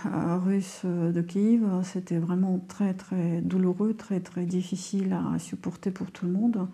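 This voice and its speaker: A woman from Ukraine, a lawyer, giving a halting, emotional testimony in a recorded video. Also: lowish voice, level tone, dark tone. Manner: halting, emotional, many fillers.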